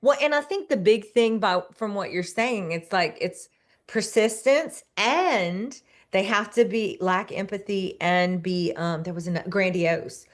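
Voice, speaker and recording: A woman podcast host and therapist who prompts her guest calmly and sums up what was said. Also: medium pitch, measured pace. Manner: calm, prompting and summarizing. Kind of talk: interview questions.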